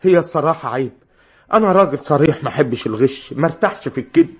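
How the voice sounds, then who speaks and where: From a dull, lo-fi old radio broadcast comes a stubborn, outspoken escaped madman with an Egyptian accent. He talks fast in a husky, fairly high voice. He is brash and cheerfully sure of his own absurd logic. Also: expressive. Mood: indignant. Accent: Egyptian Arabic. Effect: old radio broadcast sound. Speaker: lead in a radio comedy. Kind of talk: 1950s Egyptian radio comedy acting.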